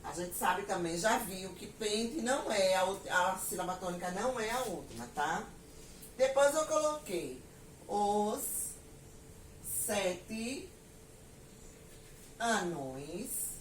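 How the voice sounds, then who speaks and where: A woman teacher with a Pernambuco accent gives a lesson, dictating words and sentences slowly. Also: medium pitch, animated, a little hiss or hum. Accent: Pernambuco Portuguese. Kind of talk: recorded classroom lesson. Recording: echoey room, mic at a distance, faint ambience.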